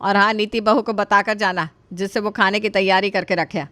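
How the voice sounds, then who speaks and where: A woman's voice: medium pitch, fairly even intonation, moderate pace, fairly bright tone, no room sound, natural voice. A woman voicing a scheming, stingy middle-aged mother-in-law who stammers when flustered.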